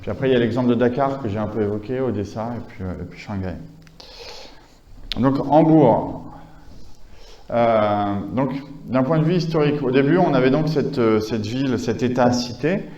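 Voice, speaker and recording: A man's voice: mid-range voice, normal speed, warm tone, echoey room, lo-fi sound. A man giving a conference lecture, talking with many hesitations, fillers and restarts. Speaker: conference speaker.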